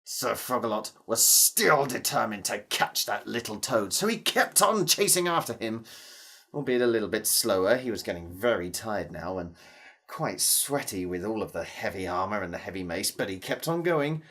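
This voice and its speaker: A storyteller entertains children with a theatrical tale, pausing for drama and quizzing the listeners. The mid-range voice is expressive and a bit bright, carrying a breathy edge.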